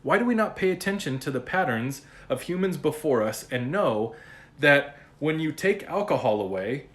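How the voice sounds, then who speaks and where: Blunt, profane dad talking casually. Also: male voice, a little high, sing-song, normal speed, fairly bright tone. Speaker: podcast host. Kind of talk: casual monologue.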